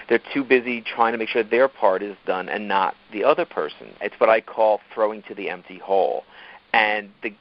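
A man, a team-building coach, telling stories animatedly as an interview guest, often jumping up in pitch for emphasis. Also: highs cut off. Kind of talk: interview storytelling.

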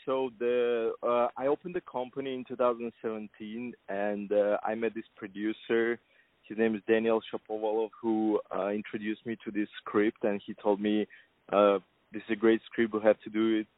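Speaking low and flat, a man from Kazakhstan, a film producer, responds to an interviewer with plenty of fillers and hesitation. The telephone sound is tinny, dry and close, without echo.

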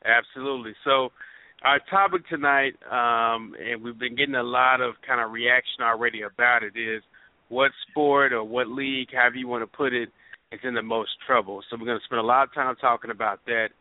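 A man's voice: medium pitch, steady tone, a little fast, dry recording. A man hosting a casual sports talk show, upbeat and full of plugs and fillers. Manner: upbeat, promotional, lots of fillers. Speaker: sports radio host. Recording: dry, phone-like audio.

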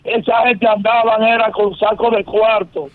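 A man's voice: sits high, little pitch movement, unhurried. A man, calling in to a radio talk show over a phone line. He talks insistently, repeating his points and calling the host by name again and again. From Dominican Republic. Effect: heard over a phone line on the radio. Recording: narrow phone-line sound with crowd noise behind.

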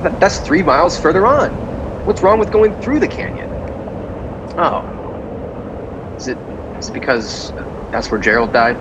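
A man's voice: fairly high pitch, sing-song, measured pace, pauses often, very noisy. An actor playing a trusting, stubborn, reassuring man in an old radio drama. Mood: concerned.

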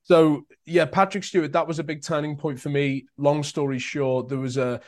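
A man's voice: fairly high pitch, flat delivery, moderate pace. A young man with a Liverpool accent, an actor chatting in an interview, telling stories with many fillers and restarts. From Merseyside, England. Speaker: actor guest. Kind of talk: casual interview chat.

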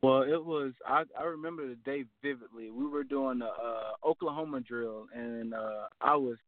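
A young man, a college football player, answering interview questions in a laid-back way with many "uh" pauses. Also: medium pitch, no echo. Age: young adult. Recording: tinny phone-line audio.

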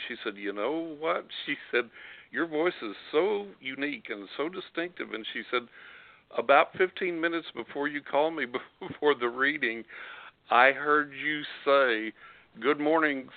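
A man's voice: mid-range voice, lively intonation, moderate pace, gravelly, no room sound. Man, West Texas twang, distinctive drawl, folksy casual storyteller, dry phone-like sound. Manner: folksy, chuckles while telling anecdotes. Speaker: psychic giving readings as guest on a call-in show. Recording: narrow, phone-like line.

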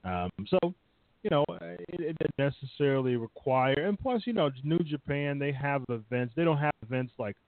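A man's voice: a little high, expressive, normal speed, no echo. Man talking over a thin phone line. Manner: rambling, heavy on "uh" and "you know". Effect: over the phone, line cutting in and out. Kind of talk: casual wrestling chat.

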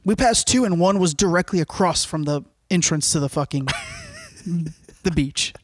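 A man's voice: on the high side, moderate pace, no room sound. A young man, a podcast co-host, telling a rambling, profane story in casual chat and often laughing.

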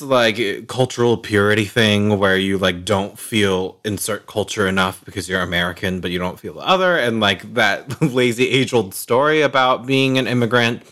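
A man's voice: lowish voice, fairly bright tone. A man co-hosting a podcast, talking conversationally and often saying "like". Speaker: podcast co-host. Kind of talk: casual discussion.

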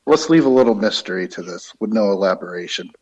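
A man's voice: lowish voice, lively intonation, quick pace, husky. A man in casual, joking chat as a radio show guest, calling in from a living room full of reverb. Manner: joking, playful. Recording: echoey reverberant room, off mic.

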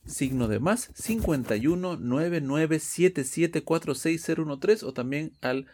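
A man's voice: a little high, animated, a little slow, darkish tone. A man teaching English pronunciation in a podcast lesson, explaining step by step and often checking with "ok?".

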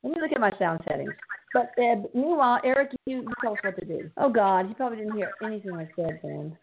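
A woman's voice: mid-range voice, expressive, fast talker, vocal fry. A woman hosting a casual video-call chat, her voice choppy and breaking up over a bad connection, talking in a chatty, rambling way. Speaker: host. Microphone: computer headset mic on a video call. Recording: tinny call line with faint noise.

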